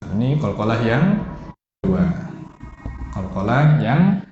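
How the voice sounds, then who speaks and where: A man's voice: medium pitch, sing-song, slow, roomy sound, highs cut off, background noise. A man with an Indonesian accent teaching Quran recitation rules, quizzing his students and chanting example syllables. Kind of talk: tajwid lesson.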